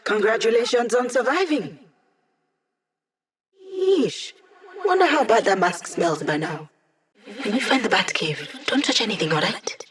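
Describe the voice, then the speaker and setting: A woman voicing a quick, cheeky young hacker in a video game, with playful, breezy, teasing banter. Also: a little high, expressive, fairly bright tone. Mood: playful, confident, then weirded out. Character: quick, cheeky young female hacker, digital helper to a villain squad. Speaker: video game character giving mission support. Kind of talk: scripted video game voice lines.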